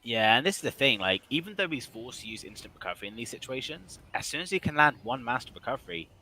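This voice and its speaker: A man's voice: medium pitch, sing-song, pushed and bright, breathy edge, soft background music, rough recording. A man casting an online game league match, chatty and joking, who grew up with another first language besides English. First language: not English. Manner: joking, chatty, quick to apologize. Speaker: esports commentator. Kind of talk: casual game commentary.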